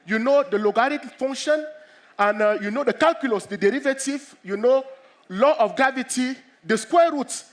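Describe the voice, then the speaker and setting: A man from Cameroon with a notably high voice lectures students on mathematics while fighting a cold. He speaks earnestly, stumbles through restarts and repeats key phrases to drive points home. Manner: earnest, repetitive, halting with many restarts. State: has a cold. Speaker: mathematics professor giving a talk.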